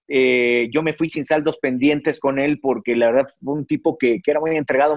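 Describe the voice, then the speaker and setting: A man's voice: fairly high pitch, a little mellow, dry recording. A middle-aged man, a sportscaster guest recalling his career in an interview, with frequent fillers and restarts. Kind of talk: reflective interview storytelling. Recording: dry, slightly dull recording.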